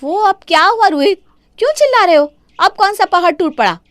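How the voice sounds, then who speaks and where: A woman's voice: extremely high pitch, lively intonation, brisk, fairly bright tone, no room sound, studio quality, pitched above the performer's own voice. A woman voicing a defiant young daughter-in-law who talks back and mocks in a cartoon. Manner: mocking, talking back.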